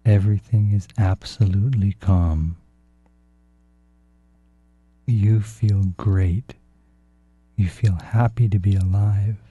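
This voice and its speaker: Man, soft hushed meditation guide, low husky voice, calm soothing delivery, dull echoing recording. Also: takes it slowly, long pauses. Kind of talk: slow, soothing guided relaxation narration. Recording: dull, roomy, echoing sound.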